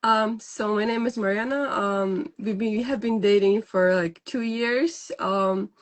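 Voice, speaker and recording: A woman's voice: medium pitch, fairly even intonation, a little slow. A young woman from Ukraine, talking casually in an interview, chatty, with many fillers and laughs.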